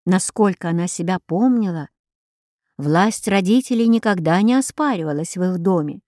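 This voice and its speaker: A woman reading a story aloud as an audiobook narrator, in a measured, even manner. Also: lowish voice, no echo, clean studio sound. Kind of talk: scripted narration.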